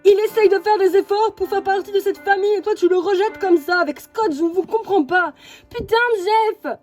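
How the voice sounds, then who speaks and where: A woman voicing a hot-tempered young husband who shouts and swears. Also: very high voice, normal speed, soft background music, pitched above the performer's own voice. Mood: furious.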